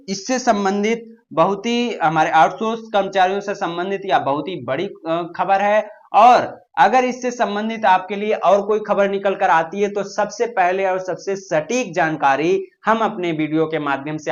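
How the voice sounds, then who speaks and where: A man's voice: fairly high pitch, dull audio. A man hosting a news channel, explaining news informally with hesitant fillers and restarts.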